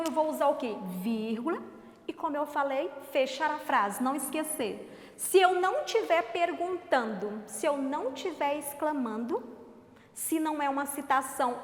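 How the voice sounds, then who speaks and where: A woman teacher giving a lively, expressive lesson to children. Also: high-pitched. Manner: lively, exaggerated expressive intonation. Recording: echoey reverberant room.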